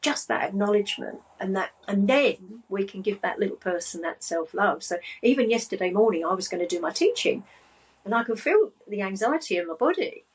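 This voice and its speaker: A woman with a soft, breathy voice talks at an unhurried, grounded pace. She speaks as a podcast guest and coach, calm and settled throughout. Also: medium pitch, rough recording. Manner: slow, calm and grounded delivery. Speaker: spiritual business and money coach, guest. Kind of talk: casual podcast chat.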